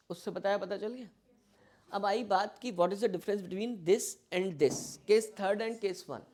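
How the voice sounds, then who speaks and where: A man teaching a physics lesson in a classroom, mixing English terms into his Hindi and constantly quizzing his students with quick questions. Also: high voice, a little mellow. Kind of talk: classroom lecture.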